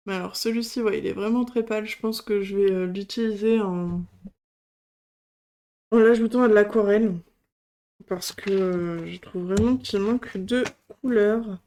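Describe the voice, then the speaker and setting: A woman's voice: medium pitch, fairly even intonation, normal speed, warm tone. A woman hosting a casual product demo, speaking hesitantly with many fillers as she shows items one by one. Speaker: craft channel host.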